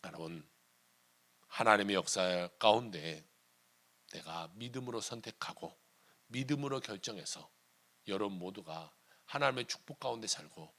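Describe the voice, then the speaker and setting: A pastor preaching a Sunday sermon in a church, emphatic and full of rhetorical questions, sometimes sinking to a hush. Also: male voice, fairly low pitch, animated, moderate pace, long pauses. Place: church sanctuary.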